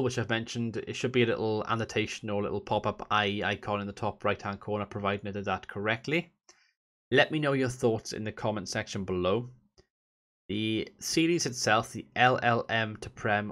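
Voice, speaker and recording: A man from Merthyr Tydfil in south Wales, with a Valleys accent, hosts a gaming vlog. His voice is on the low side with a fairly bright tone, and he explains things in an informal, chatty way.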